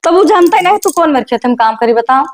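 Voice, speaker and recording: A woman playing a calm Awadhi village mother. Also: high-pitched, fast talker. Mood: coaxing. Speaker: mother in a village comedy skit. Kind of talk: rustic comedy skit acting.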